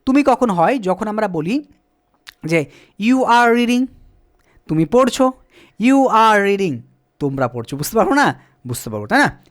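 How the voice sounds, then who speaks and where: A male teacher explaining grammar in a patient, repetitive way, asking questions and answering them himself, sometimes spelling words out slowly letter by letter. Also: extremely high pitch. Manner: asks and answers his own questions. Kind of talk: spoken English grammar lesson.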